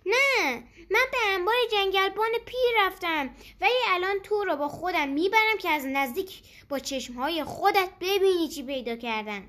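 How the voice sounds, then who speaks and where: A woman's voice: very high voice, expressive, fairly bright tone, pitched above the performer's own voice. A woman voicing a cheerful, friendly little rabbit in a children's story. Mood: excited.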